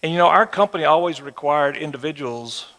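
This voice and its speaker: A man's voice: on the high side, a little fast, a bit bright. A man in his sixties with a West Texas twang, teaching a Bible lesson to an audience in a folksy, conversational way with rhetorical check-in questions. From West Texas, United States. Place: large room or auditorium with a live audience. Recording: reverberant hall, amplified speech.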